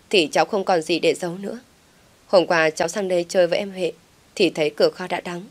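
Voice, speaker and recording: A scheming young woman pleads through fake tears, playing the wronged victim, as a female narrator voices her. Her pitch sits on the low side. The delivery is a simple storybook reading. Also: close to an everyday voice. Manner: tearful pleading.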